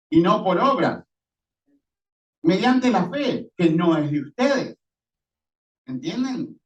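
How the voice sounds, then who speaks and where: A man preaching a sermon, emphatic, asking rhetorical questions and answering them himself. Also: high voice. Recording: echoey, distant, dull lo-fi sound.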